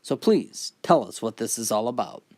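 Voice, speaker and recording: A prim, firm Mother Superior, as a man acts her out in a joke story. The delivery is slow and measured, politely insistent, and close to the teller's own voice. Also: medium pitch, very animated, a little mellow, dry recording.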